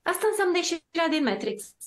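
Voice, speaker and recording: A woman's voice: very high-pitched, big pitch swings. A woman from Romania, a guest on a talk show, telling her own story emphatically and with full self-assurance. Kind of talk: casual talk-show discussion.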